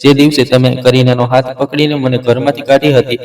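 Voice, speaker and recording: A man's voice: medium pitch, level tone, fairly quick, darkish tone, natural voice. A man reading the lines of a bitter, cold young pregnant wife in a dramatized story, clipped and cutting. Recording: roomy, distant mic.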